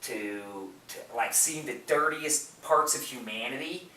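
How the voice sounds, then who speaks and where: Unhurried and mid-range, this man's voice sounds bright and forceful as he co-hosts a casual movie podcast, explaining things in an enthusiastic, rambling way. Sitting far from the mic in an echoey room, he comes through roomy and distant, with a little faint noise.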